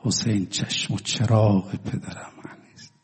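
Male preacher, sermon with storytelling, very raspy voice, dramatic loud-soft delivery, long hall echo. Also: lowish voice, fairly even intonation. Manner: dramatic, swinging between loud declaiming and hushed drawn-out words.

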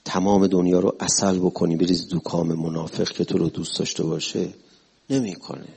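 A man voicing a revered, gentle holy man who speaks softly and kindly in a told story. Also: sits low, steady tone, gravelly, slightly rough, pitched below the performer's own voice, heavily acted. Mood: tender.

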